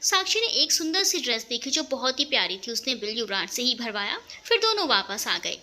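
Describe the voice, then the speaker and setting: Bright, high-voiced woman storyteller. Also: very animated, brisk. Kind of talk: scripted story narration.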